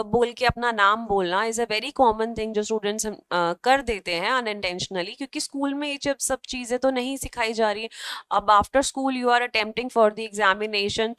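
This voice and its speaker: A woman's voice: a little high, pushed and bright, clean tone, no echo. A woman from Delhi teaching English for an exam, explaining patiently and often checking that listeners follow. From Delhi, India. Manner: patient, keeps checking in with "theek hai?". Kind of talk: bilingual classroom explanation.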